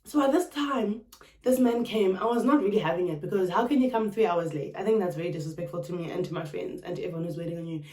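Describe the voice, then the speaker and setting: A young South African woman vlogger telling a personal story in a dramatic, expressive way, with sharp retorts. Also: lowish voice, quick pace. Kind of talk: storytime chat. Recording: roomy, a bit distant from the mic.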